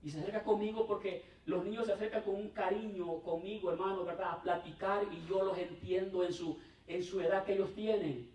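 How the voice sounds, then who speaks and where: A man's voice: sits high, steady tone, a little fast. Roomy, distant man preaching in church. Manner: conversational preaching, often calling out to the congregation; emphatic, swinging from raised to hushed. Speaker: pastor. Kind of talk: sermon.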